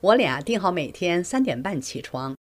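A woman's voice: lowish voice, very animated, normal speed. An older woman reading her personal testimony aloud in an earnest, emotional way.

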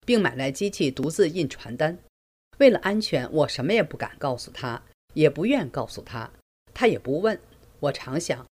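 Low-voiced older woman reading earnestly. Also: darkish tone, breathy edge. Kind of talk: reading a personal testimony aloud.

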